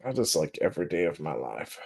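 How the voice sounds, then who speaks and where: A tired, yawning man hosts a casual gaming news livestream as a podcast host, joking, laughing often, and restarting sentences. He has a bass voice that's gravelly and darkish, delivered in a fast, sing-song manner.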